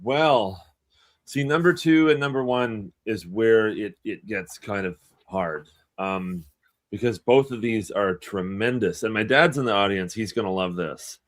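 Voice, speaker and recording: A man's voice: lowish voice, measured pace. A man in his twenties co-hosting a podcast panel, gushing earnestly and restarting his sentences. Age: 20s. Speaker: co-host. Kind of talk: casual panel chat.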